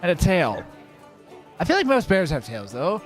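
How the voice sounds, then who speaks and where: A sloppy, boastful dwarf miner, put on by a man who rambles and overshares. The voice sits fairly high and swings widely as he goes. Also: wildly swooping pitch, moderate pace, soft background music. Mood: rambling.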